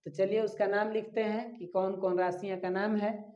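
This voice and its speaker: A man's voice: sits high, little pitch movement, normal speed. A male physics teacher, giving a classroom-style lecture and asking questions he then answers himself while repeating key terms. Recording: echoey room, dull lo-fi sound.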